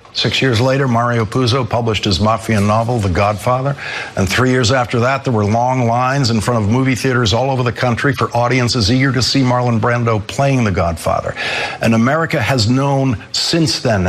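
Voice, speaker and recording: A man in his sixties hosting a news program, delivering a measured, emphatic commentary monologue. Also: mid-range voice, slight background noise. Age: 60s. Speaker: news host.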